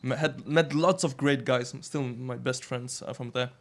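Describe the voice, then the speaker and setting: A man's voice: mid-range voice, steady tone, unhurried. Chatty man in his thirties, panel guest. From Austria. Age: 30s. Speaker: dating coach, panel guest. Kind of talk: casual panel chat.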